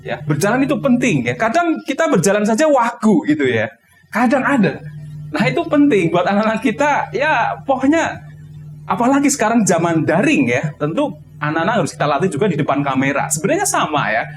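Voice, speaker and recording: A man giving an instructional talk on public speaking, explaining step by step and acting out high and low tones. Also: very animated, a little fast, over music. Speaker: teacher.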